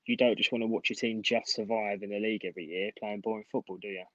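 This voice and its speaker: A man with a slightly low voice gives casual sports opinions as a podcast panellist. The recording is dull and lo-fi, with no room echo. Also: fairly even intonation, quick pace, fairly bright tone.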